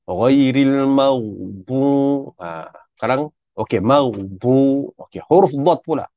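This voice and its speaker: A man's voice: mid-range voice, lively intonation, dry recording. A Malaysian man giving a Quran recitation lesson, drawing out example words and correcting with frequent "ah" and "ha". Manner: drawn-out, repeated recitation examples. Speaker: religious teacher. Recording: dull, muffled lo-fi recording.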